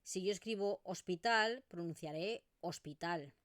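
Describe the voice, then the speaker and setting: A woman's voice: lowish voice, a little slow, a bit bright, no room sound, clean studio sound. A woman with an Eastern Catalan accent teaching pronunciation in an online video lesson, modelling vowel sounds as she explains.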